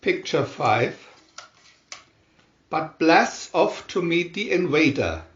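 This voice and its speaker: A male narrator reads picture-story booklets slowly and dramatically, his pitch swooping in a lively way. The recording sounds dull and echoey, as if made in a room.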